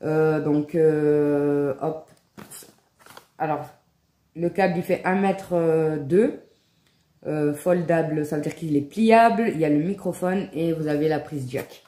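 Chatty mum, mellow echoey voice. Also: female voice, sits low, slow pace. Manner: chatty, enthusiastic, many fillers and "hop". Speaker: home vlogger showing a shopping haul. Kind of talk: casual haul vlog to viewers. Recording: echoey room with faint background noise.

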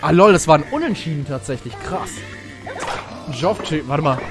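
Excitable young man streaming a game. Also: on the high side, normal speed, loud music behind the voice. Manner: excitable, jokey, with sudden shouts. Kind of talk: casual let's-play commentary to chat.

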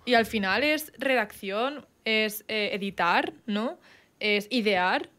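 A woman co-hosting a podcast in relaxed casual chat, pausing with hesitant fillers. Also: medium pitch. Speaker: podcast co-host.

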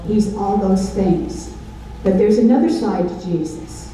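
An older woman preaches a Bible study from a stage lectern, pausing to throw questions at her listeners. Her voice is very dark and mellow, and she speaks slowly and deliberately. She sounds distant in a large, echoey hall with faint ambience behind her. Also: mid-range voice, slight background noise. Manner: call-and-response questions, emphatic. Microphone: handheld mic.

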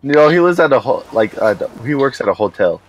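A man's voice: mid-range voice, very animated, a little fast, rough recording. A man chatting casually with friends, joking and cutting in. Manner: joking, interjecting.

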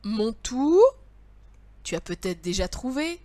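Slow, patient woman teacher. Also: a little high, big pitch swings, warm tone, no echo. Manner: slow, patient, sing-song, speaking to a child. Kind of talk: children's riddle lesson.

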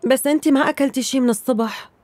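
An actress playing a caring, anxious young sister with a Syrian accent, pleading and placating in a dubbed TV drama. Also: female voice, high-pitched, racing, darkish tone, no echo. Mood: gentle concern. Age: young adult.

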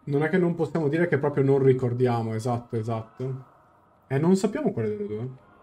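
Game music plays as a young man streams, his medium-pitched, dark voice moving along fairly quickly with lively intonation. He thinks aloud in casual live commentary, explaining things and translating as he goes.

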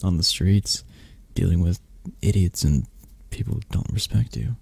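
In a deep, breathy, gravelly voice, a man plays a tender, possessive mafia boss lover for intimate ASMR roleplay, murmuring soft, hesitant lines. His delivery is exaggerated and at a moderate pace, dry with no echo, and the feeling is loving and tender.

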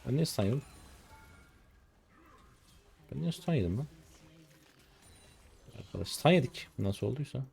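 A man's voice: medium pitch, expressive, brisk, gravelly, darkish tone, faint music behind. A man in his twenties streaming a game live, ranting at his teammates in an irritated, cursing way. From Turkey. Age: 20s. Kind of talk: live gameplay commentary.

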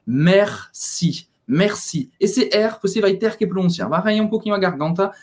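A man's voice: high-pitched, fast, darkish tone. Man co-host drilling words. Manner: drills words by repeating them. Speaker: language teacher, co-host. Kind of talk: casual video lesson.

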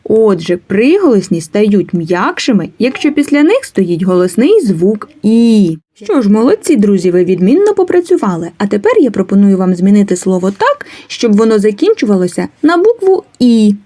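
A woman's voice: mid-range voice, big pitch swings, moderate pace, mellow. A woman teaching a letters lesson to young children, coaxing them with questions and waiting for answers. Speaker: kindergarten teacher.

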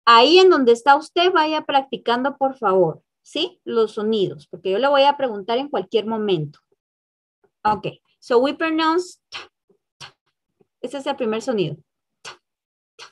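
In an online class, a woman teaches English, switching between Spanish and English while drilling sounds slowly with exaggerated repetition. Her voice is on the high side and animated.

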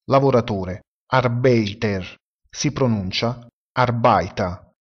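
A man teaching a language lesson, explaining pronunciation and sounding words out slowly and deliberately. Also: on the low side, husky. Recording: dull lo-fi recording.

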